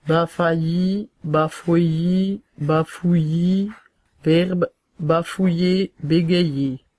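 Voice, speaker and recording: A man reads dialect dictionary entries one by one, giving each word, its variants and then its meaning. He goes very slowly and deliberately in a somewhat high voice. The sound is dry and close, with no room echo. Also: darkish tone. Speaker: reader of a regional dialect glossary. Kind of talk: slow reading of dictionary entries.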